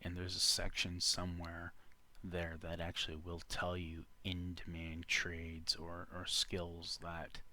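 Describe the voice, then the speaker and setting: A man vlogging in a casual, halting way, often pausing to search for his words. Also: low-pitched, monotone, pushed and bright. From Canada. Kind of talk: casual talk to camera.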